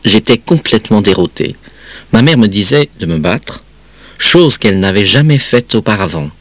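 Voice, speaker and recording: A man reading a children's story aloud in an expressive, measured way. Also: on the low side, dry recording. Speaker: reader.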